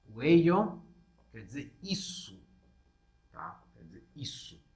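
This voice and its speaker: Lively Brazilian man teaching a class. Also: fairly high pitch. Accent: Brazilian Portuguese. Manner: explains patiently, checks in with "tá?" after each point. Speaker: Spanish teacher. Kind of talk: exam-prep class lecture.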